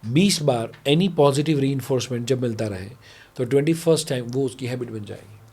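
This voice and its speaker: A man's voice: mid-range voice, moderate pace, darkish tone, husky. A man from India, a parenting coach, talking on a podcast and acting out dialogues between parent and child. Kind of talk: podcast conversation, Hindi-English mix.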